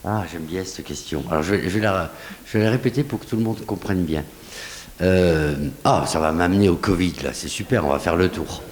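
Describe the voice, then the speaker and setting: Conférencier homme, accent du Sud-Ouest, ton vif et familier, réverbération de salle. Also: male voice, low voice, a little fast. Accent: southwest French. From southwest France. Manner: lively, conversational, rhetorical questions. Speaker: guest scientist answering audience questions. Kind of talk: public lecture Q&A. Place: lecture hall. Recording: long hall reverb.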